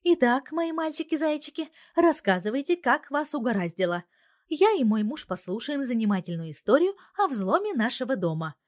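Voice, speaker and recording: A woman reader voices a sharp-tongued young wife who is a computer genius, commanding and scolding in a raised, forceful voice pitched above the reader's own. The delivery is on the high side, animated and brisk. It is recorded dry and close with no room sound, like a storybook reading.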